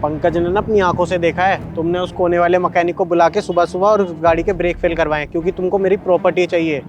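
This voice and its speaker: A man's voice: sits high, steady tone, quick pace, highs cut off, slight background noise. A man acting a suspicious husband who questions and accuses his wife. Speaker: husband in a short drama. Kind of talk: scripted short-video drama acting. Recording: faint background music.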